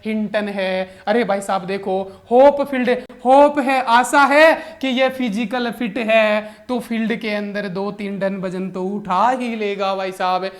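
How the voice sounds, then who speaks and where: A man, teaching exam current affairs through jokey mnemonics in an animated, playful way. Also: high-pitched, slow, hardly any pauses. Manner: animated and joking, keeps calling the viewer brother. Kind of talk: comic mnemonic lesson.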